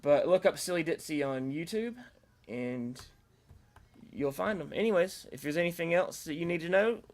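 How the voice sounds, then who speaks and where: Animated and fairly high-pitched, a man speaks at normal speed while hosting an online creative group's announcement video. He's casual and unscripted, rambling, hesitating and rewording as he goes, with electronic dance remix music behind him.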